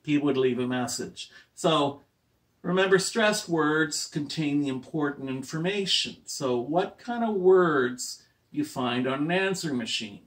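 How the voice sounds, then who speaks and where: Slow, patient man teaching a class. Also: fairly high pitch, lively intonation, recorded from a distance. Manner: slow, patient, checks in with "any questions?". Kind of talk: classroom lesson to language learners.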